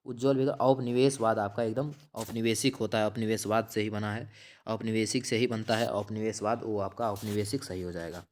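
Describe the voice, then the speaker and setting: A man's voice: on the low side, steady tone, fairly quick, a little mellow. A man teaching exam-prep material, running through multiple-choice answers, repeating key terms and checking in with the listener, often restarting and correcting himself mid-word. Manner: repetitive, checks in with "theek hai". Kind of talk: explaining quiz answers.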